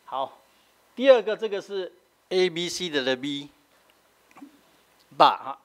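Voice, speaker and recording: A man's voice: a little high, animated, slow. A middle-aged man with a Taiwanese accent, a pastor explaining scripture in a teaching sermon, tagging his sentences with a short "hah". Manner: explanatory, frequent filler "hah" tags, switching between Taiwanese and Mandarin.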